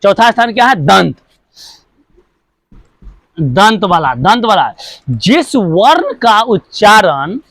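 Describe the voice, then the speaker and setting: A man's voice: sits high, big pitch swings, takes it slowly, pauses often, fairly bright tone, dry recording. A male teacher giving a grammar lesson, repeating each point and asking questions that he then answers himself. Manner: repetitive, asks and answers his own questions; drills sounds one by one.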